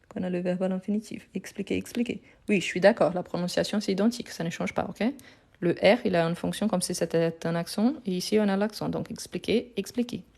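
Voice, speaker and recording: A woman's voice: on the low side, steady tone, fast, gravelly, darkish tone. A woman teaching French in a live online grammar lesson, recorded on her phone, patiently repeating answers and praising students.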